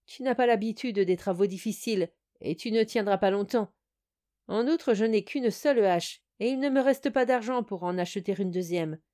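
A woman voicing a stern old woodcutter father in an audio fairy tale, gruff and scolding. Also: mid-range voice, normal speed, dark tone, natural voice.

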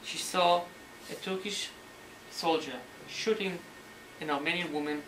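A man lecturing on history as a story, animated and sometimes searching for words, acting out the quotes. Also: a little high, measured pace. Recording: roomy hall, mic at a distance, faint noise.

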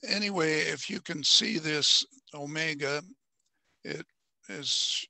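A man in his seventies or older with a raspy, congested voice, speaking in measured, formal phrases as he gives an informal presentation on a headset. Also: on the high side, bright, forceful tone, dry recording. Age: 70s or older. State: congested sinuses. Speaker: watch club member presenting a watch. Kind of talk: informal show-and-tell. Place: home room on a video call.

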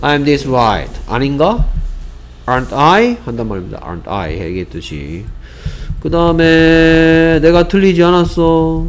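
A man teaching an English grammar lesson, often asking whether students follow and slowly repeating example sentences. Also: on the high side, lively intonation. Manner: asks rhetorical check questions, repeats example sentences slowly.

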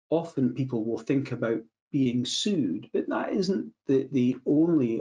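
Middle-aged Scottish male adviser, measured webinar talk over video call, restarts phrases. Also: medium pitch, warm tone. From Scotland. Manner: measured, repeats words when restarting phrases. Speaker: medico-legal adviser. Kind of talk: webinar presentation. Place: indoor room, video call.

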